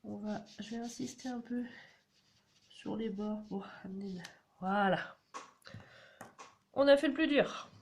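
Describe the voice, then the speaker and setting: A woman's voice: medium pitch, unhurried, long pauses. A woman, chatting through a card-making tutorial and explaining each step as she works. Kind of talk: casual crafting tutorial. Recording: audible background noise.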